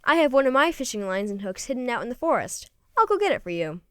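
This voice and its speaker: A woman's voice: fairly high pitch, big pitch swings, fast, a bit bright, clear, resonant tone, dry recording, clean studio sound. A woman voicing a big, friendly male Bigfoot in a children's storybook, hearty, teasing and sure of himself. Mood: jovial. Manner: hearty, teasing, bossy helper. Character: big friendly male Bigfoot, jovial, confident forest fisherman.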